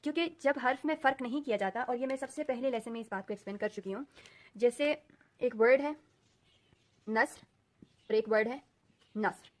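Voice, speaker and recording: A woman with an Urdu accent teaching a recorded lesson, speaking slowly and deliberately and repeating sounds as drills. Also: on the high side. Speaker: Quran recitation teacher.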